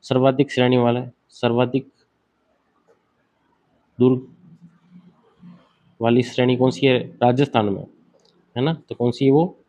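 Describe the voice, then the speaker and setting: A man's voice: mid-range voice, steady tone, a little slow, pauses often, warm tone. A man giving an exam-prep lecture, asking questions and answering them himself while he sketches on a board. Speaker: teacher.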